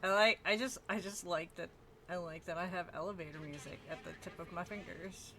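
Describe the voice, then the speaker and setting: A woman's voice: on the low side, fairly quick, fairly bright tone, slight background noise. A woman streaming a game, chatting casually and bluntly with friends and swearing freely. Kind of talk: casual gaming stream chat. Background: elevator music from her voice mod.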